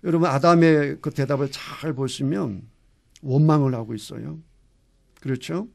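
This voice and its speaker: A man's voice: on the high side, normal speed, vocal fry. A male pastor teaching a Bible class, asking the class questions and acting out quotes. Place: church classroom.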